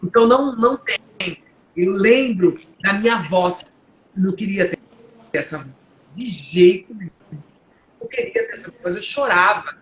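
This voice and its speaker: Woman, 50s, from Brazil; deep powerful voice, earnest preacher's testimony, echoey home room with faint hum. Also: animated, unhurried, dull audio. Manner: earnest, emotional, exhorting listeners.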